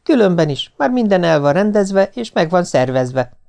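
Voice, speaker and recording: A headstrong, scatterbrained wife and mother, defiant and insistent, her voice raised high above the reader's own, as a male audiobook narrator puts her on. She argues back in an audiobook scene. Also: big pitch swings, creaky, a little mellow, exaggerated voice. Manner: defiant, insistent, then coaxing. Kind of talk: audiobook character voice.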